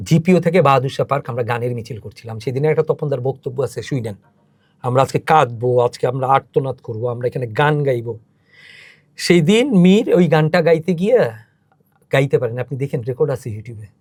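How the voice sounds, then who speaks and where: Impassioned high-voiced man. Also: darkish tone, no echo, clean studio sound. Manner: emotional, emphatic storytelling with rising intensity. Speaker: podcast guest, cultural organizer. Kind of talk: impassioned interview talk.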